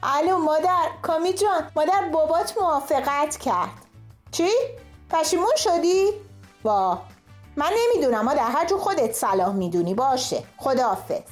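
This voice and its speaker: A woman's voice: sits high, lively intonation, faint music behind. A woman playing a fussing middle-aged wife and mother in a comic radio sketch, placating and doting. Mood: fussy. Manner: placating, fussy.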